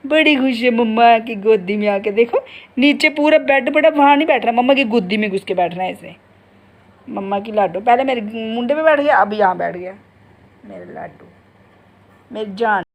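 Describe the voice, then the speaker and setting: Her pet bird gets cooing baby talk as this middle-aged woman vlogs casually from her bedroom and kitchen, talking with viewers. She speaks at a moderate pace in a slightly high, expressive voice.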